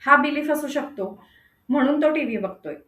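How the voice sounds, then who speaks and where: Woman, parenting coach, high pitch, roomy echo, asks rhetorical questions, repeats words. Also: animated, normal speed, fairly bright tone. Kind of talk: online parenting lecture.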